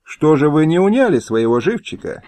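A man's voice: fairly high pitch, big pitch swings, normal speed, mellow, no room sound, voice pushed up. A man putting on a stubborn old noblewoman. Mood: commanding. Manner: firm, commanding. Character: older noblewoman, stubborn, commanding mother.

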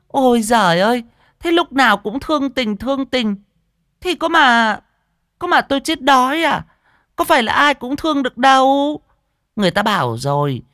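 A man voicing a shrill, sharp-tongued fat market woman in an audio story, haggling and scolding loudly. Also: clean tone, dry recording, clean studio sound, heavily acted.

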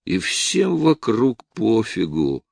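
A man's voice: lowish voice, wildly swooping pitch, slow pace, gravelly, husky, dry recording, clean studio sound, heavily acted. A man voicing a badly beaten young man who speaks weakly, groaning and pleading, bitter about his attackers. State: in pain, weak.

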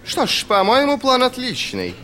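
A man's voice: a little high, lively intonation, a little fast, bright, forceful tone, voice pushed up. A man doing a hearty, fawning general. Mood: jovial. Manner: hearty, eager, boastful. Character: jovial, fawning male general.

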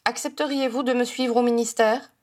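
A woman reader voicing a calm, firm male head of a wizard police force. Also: a little high, a little fast, close to an everyday voice.

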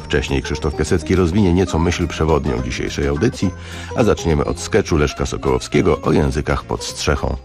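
Male radio host, extremely deep, dry scripted intro, music underneath. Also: brisk.

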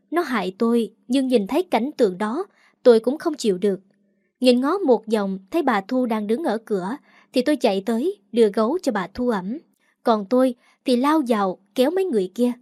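A woman's voice: fairly high pitch, darkish tone, dry recording, studio quality. A woman narrating a dramatic first-person story in an emotional storytelling way.

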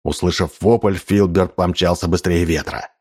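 A man narrating an audiobook in a steady storytelling manner. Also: low voice, normal speed, slightly rough.

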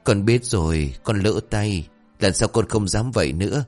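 Casting: sheepish stammering young wife, voiced by a man, low. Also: normal speed, a little mellow, soft background music, lightly acted. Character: sheepish young wife who beat her husband.

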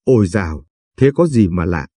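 A man's voice: low-pitched, very animated, moderate pace, mellow, no room sound, studio quality. A man reading as an anxious landlady sister.

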